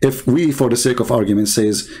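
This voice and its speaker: A man's voice: mid-range voice, fairly quick, darkish tone. A man hosting a channel and giving polemical commentary in non-native English, mocking and sarcastic, trading insults. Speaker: channel host and religious debater.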